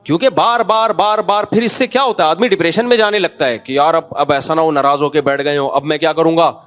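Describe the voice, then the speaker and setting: A man giving an informal, scolding religious lecture, often mimicking others in sudden high-pitched quotes. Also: steady tone, a bit bright. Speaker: Islamic scholar giving a sermon.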